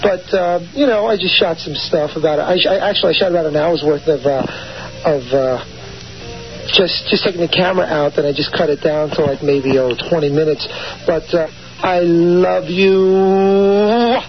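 A man's voice: a little high, moderate pace. Young man on an old home tape. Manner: tender, rambling, blowing kisses. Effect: played back from an old home videotape. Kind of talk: taped love message to a girlfriend. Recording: muffled old tape played on air, music behind.

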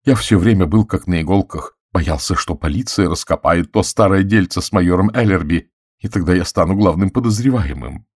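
Pleading and stammering, a fretful, servile middle-aged butler comes to life in an audiobook through a man's slow, anxious performance. The voice is low and darkish with a breathy edge, in studio-quality audio without echo.

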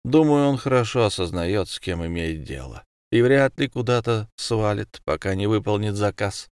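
A man's voice: fairly low pitch, expressive, normal speed, a little mellow, clear, resonant tone, dry recording, clean studio sound, lightly acted. A man voicing a cold, calculating prison gang boss who speaks in terse commands. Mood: commanding.

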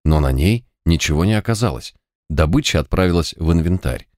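A man narrating an audiobook in an even, steady storytelling manner. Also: low-pitched, brisk, no echo, clean studio sound.

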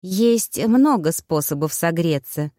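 A woman voicing a lively, playful young heroine who complains and exclaims in an audiobook. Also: on the low side, normal speed, dry recording, studio quality, natural voice.

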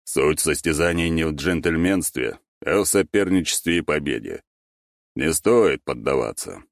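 A man voicing a calm older boss who speaks slowly and measuredly in a storybook reading. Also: a bass voice, dry recording, clean studio sound, exaggerated voice. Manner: slow, measured.

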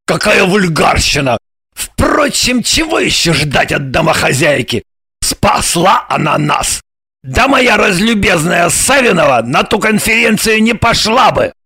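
A woman voicing a gruff, exasperated male intelligence officer in an audiobook, scolding and scornful in tone. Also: on the low side, big pitch swings, a little slow, fairly bright tone, no echo, studio quality, heavily acted. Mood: indignant. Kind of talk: audiobook character voice.

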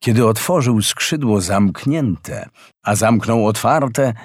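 A man reads a fairy tale aloud at an unhurried pace. His voice moves expressively up and down at a middle pitch. The recording is close and dry. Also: slightly rough, no room sound. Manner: expressive, measured storytelling. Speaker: narrator.

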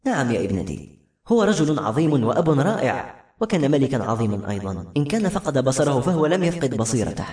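A wise blind queen speaks calmly and with quiet dignity, voiced by a male storyteller. The delivery is quick and the room adds a noticeable echo. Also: medium pitch, distant mic. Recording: echoey room.

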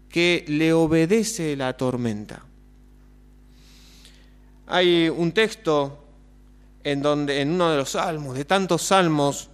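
A man preaching with a Rioplatense accent, his voice sitting a bit higher than most men's. He takes his time, unhurried and deliberate, and keeps posing rhetorical questions to the congregation. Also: clear, resonant tone. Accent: Rioplatense Spanish. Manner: measured, asks many rhetorical questions. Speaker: pastor. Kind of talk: sermon.

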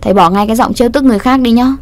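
A woman's voice: a little high, very fast, voice pushed up, lightly acted. A woman doing a feisty, huffy schoolgirl. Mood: flustered. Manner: indignant and sharp-tongued. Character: feisty, quick-tempered teenage schoolgirl, class monitor.

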